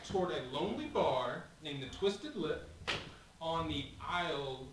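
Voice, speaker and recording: A man's voice: on the high side, big pitch swings, unhurried. Upbeat man running a tabletop game. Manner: upbeat, laughing, repeats players' answers. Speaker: game master. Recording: echoey room, distant mic, noisy.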